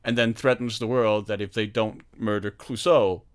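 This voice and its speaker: A man hosting a film podcast, retelling movie scenes in casual chat with animated energy and frequent laughter. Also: lowish voice, moderate pace. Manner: animated storytelling, laughs often. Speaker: podcast host.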